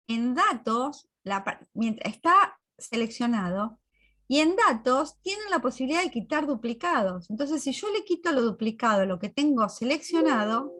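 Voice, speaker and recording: Woman teacher, on a computer mic, fairly high voice, explains patiently and keeps asking if the class follows. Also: a bit bright. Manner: explains step by step, checks in with students. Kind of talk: recorded class walkthrough.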